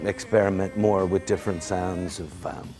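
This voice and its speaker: A man from Ireland with a Dublin accent, a musician answering interview questions in a relaxed, rambling way. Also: sits low, normal speed, music in the background. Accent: Irish, Dublin. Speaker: musician guest.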